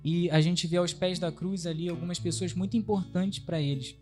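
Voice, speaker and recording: A man's voice: high voice, fairly even intonation, normal speed, a little mellow, soft background music. A man with a Brazilian Portuguese accent preaching a conversational sermon, often asking the congregation questions. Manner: chatty, asks the congregation questions, many tag questions.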